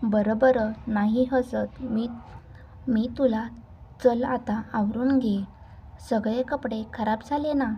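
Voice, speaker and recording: A woman's voice: on the high side, steady tone, takes it slowly, lo-fi sound, slight background noise. A woman voicing an affectionate, playful mother talking to her little daughter in a read-aloud story. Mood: fond. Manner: affectionate and teasing.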